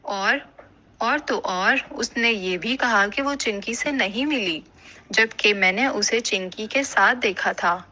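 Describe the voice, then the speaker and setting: A woman voicing a worried young female friend in an animated cartoon, speaking earnestly and with concern. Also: medium pitch, poor audio.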